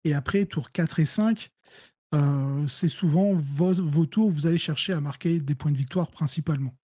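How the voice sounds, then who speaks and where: A man's voice: fairly high pitch, moderate pace, mellow, husky, dry recording, clean studio sound. A man with a French accent explaining game tactics in a casual chat, with many fillers and restarts. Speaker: guest player. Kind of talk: casual gaming discussion.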